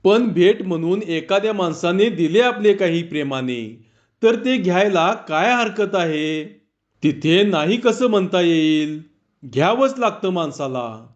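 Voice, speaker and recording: Slow, deliberate male storyteller. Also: sits high, dull audio. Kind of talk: rural story reading.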